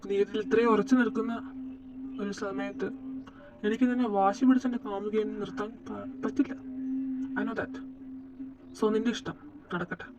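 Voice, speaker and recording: A man voicing a heartbroken, gentle young man in an amateur audio drama. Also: high-pitched, steady tone, normal speed, pauses often, muffled recording. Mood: resigned. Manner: soft, resigned.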